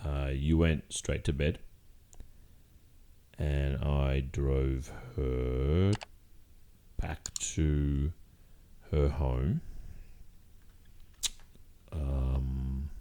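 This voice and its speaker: Man acting a very deep-voiced, hesitant guilty boyfriend. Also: warm tone, exaggerated voice. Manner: halting, hesitant, long pauses. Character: hesitant guilty boyfriend confessing, soft and careful. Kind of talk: ASMR boyfriend role-play.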